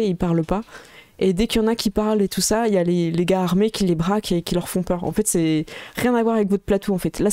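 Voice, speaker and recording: A woman game master in a casual tabletop session, explaining the setup in a loose, filler-heavy way. Her voice is mellow and warm, and the recording sounds dry and close. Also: fairly low pitch, no room sound. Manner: laughs often, explains rules with many fillers.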